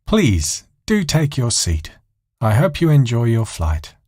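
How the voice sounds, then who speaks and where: A man's voice: medium pitch, wildly swooping pitch, takes it slowly, darkish tone, husky, no echo, studio quality, exaggerated voice. A man voicing a snide flight stewardess in an audio story, with a put-on politeness. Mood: falsely chirpy. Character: snide flight stewardess, falsely chirpy, bitter underneath.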